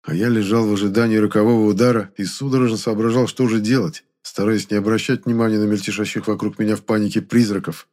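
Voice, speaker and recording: Male audiobook narrator, first person, steady, even delivery. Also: on the low side, fast talker, few pauses.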